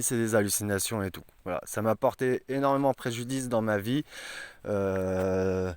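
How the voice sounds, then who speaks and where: A man's voice: medium pitch, clean tone, no room sound. Earnest rambling man in a forest. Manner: rambling, earnest, many hesitations. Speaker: vlogger. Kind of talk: casual vlog talk to camera. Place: outdoors in a forest.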